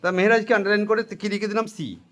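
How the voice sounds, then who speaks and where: High-voiced male teacher drilling a class. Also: steady tone, quick pace, a bit bright. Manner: drills students with repeated questions; mixes in English and Hindi phrases. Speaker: accounting teacher. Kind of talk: classroom lecture with call-and-response.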